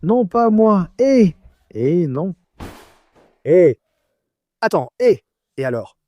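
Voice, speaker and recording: Casting: man with a high, very lively voice for casual banter, given to insistent repeated commands. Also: very slow. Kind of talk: casual banter among friends.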